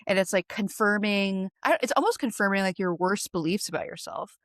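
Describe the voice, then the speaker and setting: A woman hosting a podcast interview answers her guest with empathy and shares her own feelings. Her voice sits at a middle pitch. The recording is close and dry. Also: brisk, a bit bright, dry recording. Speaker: podcast host. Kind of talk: casual interview chat.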